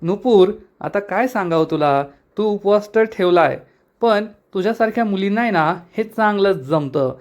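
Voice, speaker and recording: A man voicing a scornful, sharp-tongued woman who mocks and needles her relative. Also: high voice, animated, moderate pace, voice pushed up. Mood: mocking. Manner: mocking, needling.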